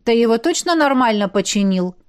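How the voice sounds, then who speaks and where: A woman voicing a booming, stern death-master man. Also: expressive, fairly quick. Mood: gruff. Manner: booming, gruff, commanding.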